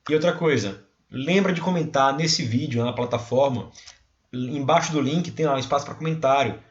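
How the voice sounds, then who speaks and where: A man's voice: mid-range voice, normal speed, dull audio. A male teacher with a Brazilian Portuguese accent, explaining a recorded class and often checking in with his students. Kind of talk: recorded remote class lesson.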